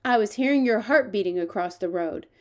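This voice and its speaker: A woman's voice: mid-range voice, animated, fairly quick, lightly acted. A woman voicing a big-hearted male giant in a children's story, earnest and proud, full of wonder, with ungrammatical talk and quaint invented words.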